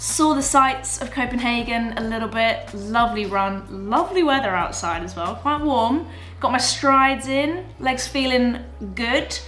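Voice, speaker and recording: A woman's voice: on the high side, fairly bright tone. A young woman chatting in a casual vlog, upbeat and talkative. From England. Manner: chatty and upbeat, with frequent laughs. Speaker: vlogger and marathon runner. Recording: echoey room with faint music.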